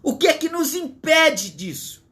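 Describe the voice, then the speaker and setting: High-voiced older Brazilian pastor preaching. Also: male voice, sing-song, unhurried, bright, forceful tone. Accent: Brazilian Portuguese. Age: 60s. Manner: earnest, repetitive, emphatic preaching. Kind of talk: livestreamed sermon. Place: at home.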